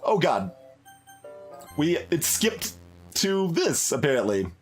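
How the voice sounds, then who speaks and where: Slow but very animated, a man with a fairly high voice streams a game with music in the background. His commentary is casual and musing, full of hesitation and sentences that trail off.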